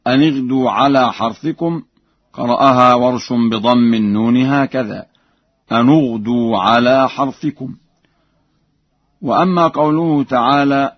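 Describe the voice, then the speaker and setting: A man teaching Quranic reading variants on radio, explaining methodically and demonstrating verses in slow recitation. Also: medium pitch, dry recording. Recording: dull dry radio studio recording.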